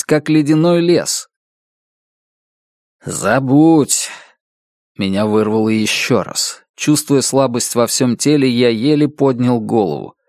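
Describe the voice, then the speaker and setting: A man narrating a first-person story in a grave, measured way. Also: a little high, a little mellow, no room sound, studio quality.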